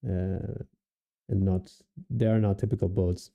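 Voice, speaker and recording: A man from Portugal with a Portuguese accent, giving relaxed live commentary on his trading and thinking aloud with many restarts and fillers. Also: low voice, unhurried, vocal fry, phone-quality sound. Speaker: day trader streaming live.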